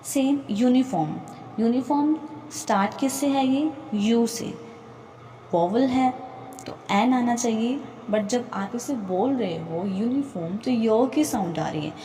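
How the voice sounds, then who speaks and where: A woman's voice: fairly high pitch, slow, warm tone, slight background noise, poor audio. A woman teaching grammar in a patient way, repeating examples and asking questions to the viewer. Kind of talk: slow explanatory lesson mixing Hindi and English.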